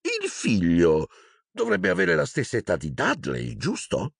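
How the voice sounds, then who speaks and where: A man's voice: mid-range voice, wildly swooping pitch, measured pace, vocal fry, a bit bright, husky, dry recording, clean studio sound, pitched above the performer's own voice, exaggerated voice. A man voicing a nervous, stuffy middle-aged husband who mumbles and hesitates, in an audiobook reading.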